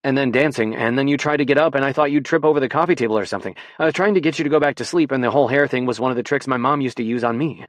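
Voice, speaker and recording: A man's voice: medium pitch, racing, hardly any pauses, dry recording, pitched above the performer's own voice, close to an everyday voice. A man voicing an earnest, awkward young man in close to his own plain voice. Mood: flustered.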